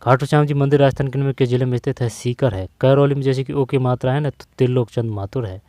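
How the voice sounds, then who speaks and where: A man runs through exam questions in a relaxed tutoring style. His tone is dark and mellow, and the recording is dry and close. He repeats each answer several times and keeps checking in with the listener. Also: medium pitch, fast talker, dry recording. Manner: repeats key answers, frequent "theek hai" check-ins. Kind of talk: casual exam-prep lesson.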